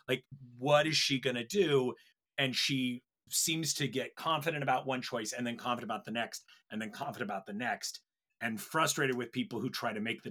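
A man's voice: medium pitch, pushed and bright. A man on a podcast panel, talking things through in a thoughtful, reflective way. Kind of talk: casual panel chat.

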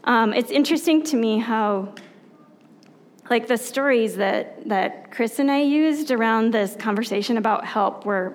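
Slow, reflective woman preaching. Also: on the high side. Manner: reflective, asks the listeners rhetorical questions; thoughtful pauses with soft fillers. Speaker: pastor. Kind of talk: conversational sermon.

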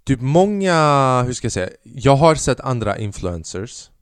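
A young man hosting a podcast, telling a long story in a rambling, self-mocking way and acting out quotes in a higher voice. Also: animated, no room sound, studio quality. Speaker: podcast host. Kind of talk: casual storytelling monologue.

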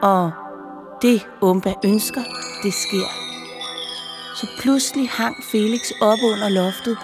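A woman reading a children's story aloud, expressive and playful. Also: medium pitch. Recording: long reverb with music behind.

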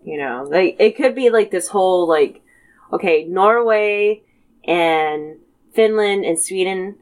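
A woman's voice: mid-range voice, takes it slowly, a little mellow. A woman from the United States in a casual brainstorming chat, rambling with lots of fillers and frequent giggles.

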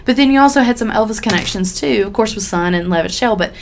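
A woman with a mid-pitched voice co-hosts a casual podcast. She talks in a chatty, folksy way and sounds slightly under the weather, as if she has a cold. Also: animated, fast, a little hiss or hum. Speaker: podcast host.

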